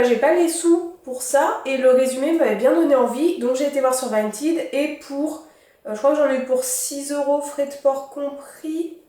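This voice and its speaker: A woman's voice: on the high side, a little mellow. Chatty young woman in an echoey room. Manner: chatty, rambling, many fillers. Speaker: book vlogger. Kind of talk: casual book haul chat.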